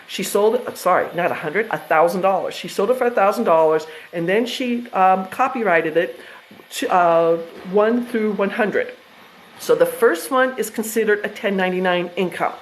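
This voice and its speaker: American woman, 50s, mid-pitched, casual rambling presenter who restarts sentences often. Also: normal speed, a little hiss or hum, poor audio. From United States. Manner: chatty, self-interrupting, with frequent fillers and restarts. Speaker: trust educator presenting to investors.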